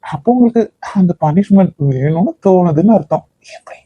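A man's voice: high voice, lively intonation, a little fast, dry recording, muffled recording. A young man voicing a playful, teasing husband in a cartoon. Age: young adult. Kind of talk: cartoon voice acting.

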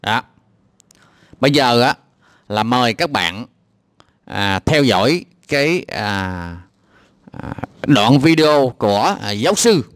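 A man's voice: medium pitch, lively intonation, slow, long pauses, no room sound, clean studio sound. A man with a Southern Vietnamese accent giving exasperated, mocking reaction commentary on a clip, with lots of hesitant filler sounds. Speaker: video commentator.

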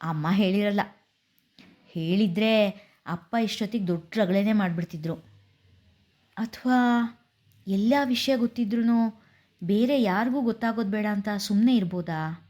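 A woman's voice: mid-range voice, unhurried, long pauses, lightly acted. A woman voicing a bitter, resentful young wife in a spoken story. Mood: worried. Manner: sharp, resentful.

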